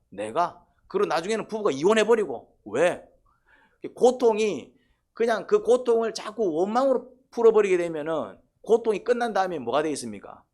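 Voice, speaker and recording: A man preaching a sermon, constantly prompting the congregation with questions and short "eh?" calls. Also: sits high. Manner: quizzes the congregation, repeated "eh?" prompts. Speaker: pastor.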